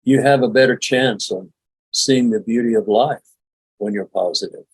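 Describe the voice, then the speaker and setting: Older man, husky voice, folksy meditation teacher, dry close sound. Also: mid-range voice, normal speed, no echo, poor audio. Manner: chuckling, folksy, demonstrates laughing exercises. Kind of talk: relaxed spoken teaching.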